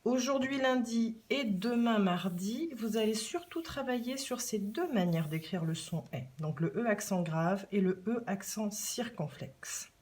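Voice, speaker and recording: A woman's voice: medium pitch, lively intonation, unhurried, hardly any pauses, a little mellow. A woman with a French accent teaching young children handwriting, patiently repeating and stretching key words. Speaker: primary school teacher. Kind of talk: remote handwriting lesson for children.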